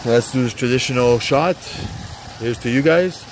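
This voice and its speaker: A sports betting vlogger with a sore throat and a stuffed-up, mid-pitched voice runs down his NFL picks from an outdoor hot tub on a chilly day. He moves at a moderate pace, rambling with many fillers and hyped asides. Faint background noise sits under a low-quality recording.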